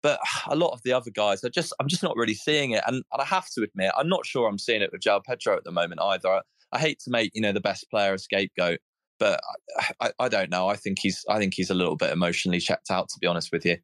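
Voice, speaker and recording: A man's voice: fairly low pitch, quick pace, a bit bright, dry recording. A man, speaking as a fan caller in casual, candid football chat, repeating words hesitantly as he thinks. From South London. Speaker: football fan calling in to a fan show.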